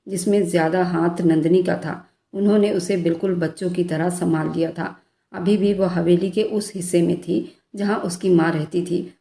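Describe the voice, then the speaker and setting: A woman reads an emotional family story aloud in a scripted style. Her voice is low and mellow. The recording has a roomy echo. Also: creaky. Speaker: narrator.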